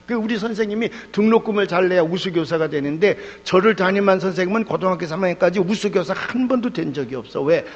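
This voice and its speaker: Gravelly, lively male revival preacher. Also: on the high side. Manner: animated storytelling with sudden drops and outbursts. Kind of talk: revival sermon storytelling. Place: church hall. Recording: dull echoey hall with hum.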